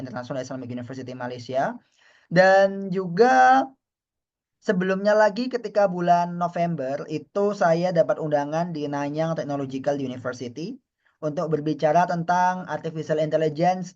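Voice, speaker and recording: A man's voice: a little high, darkish tone, lo-fi sound. A man from Indonesia, a university lecturer, giving a friendly, chatty online webinar lecture and often addressing the audience as friends.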